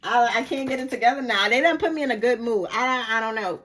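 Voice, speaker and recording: Animated woman giving a spiritual reading. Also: a little high, quick pace. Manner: animated, bursts into excited laughing and singing. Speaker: spiritual reader. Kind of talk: casual spiritual vlog talk.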